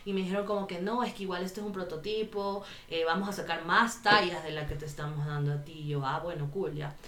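A woman from Ecuador, a podcast guest, chatting casually and telling a lively story while acting out the voices she quotes. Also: on the low side, fast. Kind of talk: casual chat. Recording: roomy echo.

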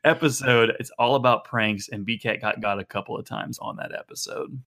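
A man's voice: medium pitch, fairly even intonation, a little fast, pushed and bright. Giggly male podcast host. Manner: giggly, laughs often. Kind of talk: casual chat.

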